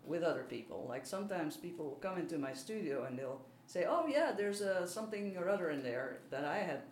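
This hesitant, self-deprecating woman, an artist being interviewed casually, has a Belgian accent and counts French, German and Dutch as her first languages. Her fairly low, slightly mellow voice swings widely in pitch and moves a little fast. The space sounds roomy, with faint noise in the background.

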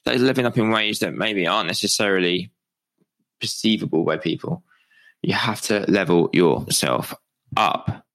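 Gravelly low-voiced young British man. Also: normal speed, a bit bright, low-quality recording. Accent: British English. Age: young adult. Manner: rambling, self-deprecating, swears freely. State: hungover. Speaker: podcast host. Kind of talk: casual motivational monologue.

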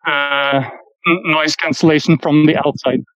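A musician, answering interview questions over a low-quality earbud mic call stream in a thoughtful, halting way with many fillers. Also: male voice, steady tone, a bit bright, dry recording. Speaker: musician guest. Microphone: earpods while walking outdoors. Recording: dull dry lo-fi call audio.

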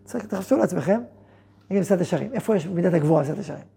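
A man, a rabbi, teaching a Torah lesson to students, playing out both sides of imagined conversations with quick rhetorical questions and then explaining in a softer tone. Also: high-pitched, gravelly, husky. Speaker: rabbi and yeshiva head.

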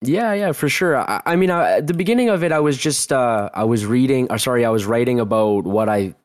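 A Canadian man in his twenties speaks at medium pitch and a fairly quick pace, recorded cleanly in a studio with no room sound. As a guest in a casual interview, he tells a personal story, rambling, saying "like" a lot and frequently restarting.

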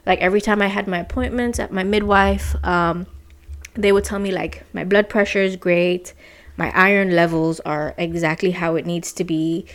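A young woman from the Caribbean gives a casual podcast update in a slightly low voice. She is late in her pregnancy and a little out of breath as she talks. Her talk is loose and chatty, full of "like" and "you know". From Saint Martin, Caribbean. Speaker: podcast host.

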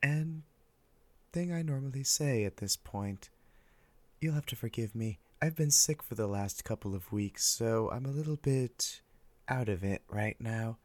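An older man hosting an ASMR podcast, speaking softly and whispering close into the ear in a wry, deadpan ramble. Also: mid-range voice, measured pace, no room sound. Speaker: podcast host. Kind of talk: soft ASMR podcast monologue.

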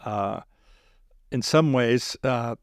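A man hosting an interview, speaking in a measured, earnest way with many pauses and filler sounds. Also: medium pitch, no echo, clean studio sound. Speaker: podcast host interviewing a guest. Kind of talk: reflective interview talk.

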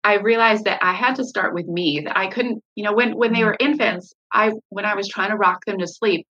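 Bright, husky-voiced mother talking candidly. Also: medium pitch, fairly quick, muffled recording. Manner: candid, frequent fillers and restarts. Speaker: parent guest sharing her story. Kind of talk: candid conversational interview.

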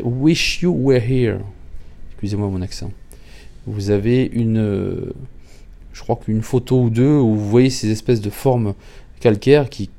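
A man recounting a road trip to his viewers in a casual, halting way, often restarting and repeating words. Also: lowish voice, warm tone. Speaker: travel vlogger. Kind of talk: casual travel recap.

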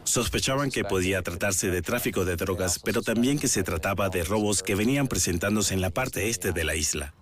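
A man's voice: deep voice, a little fast, hardly any pauses, natural voice. A male actor dubbing a sober police detective giving documentary testimony. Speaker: dubbed police detective interviewee.

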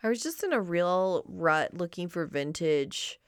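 A woman's voice: lowish voice, lively intonation, unhurried, clean tone, dry recording. A woman co-hosting a casual podcast in a studio, chiming in agreeably with loose, slangy talk. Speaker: podcast co-host. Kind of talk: casual chat.

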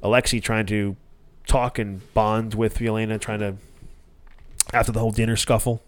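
A man's voice: fairly low pitch, level tone, normal speed. A man hosting a podcast, recapping a movie in a casual, rambling way, swearing freely and restarting his sentences. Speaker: podcast host.

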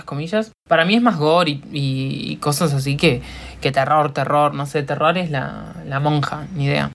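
A woman's voice: sits low, fairly bright tone. A woman with a Uruguayan accent hosting a solo podcast, rambling and joking, answering her own questions and laughing often. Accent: Uruguayan Spanish. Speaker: podcast host. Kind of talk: casual solo podcast chat.

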